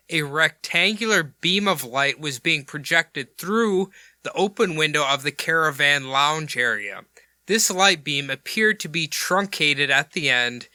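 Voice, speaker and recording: A man hosting a podcast who retells a case in a loose, rambling, jokey way. His voice is a little higher than average and piercingly bright. The sound is crisp and bone-dry. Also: no room sound. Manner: rambling and jokey, with crude asides. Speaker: podcast host.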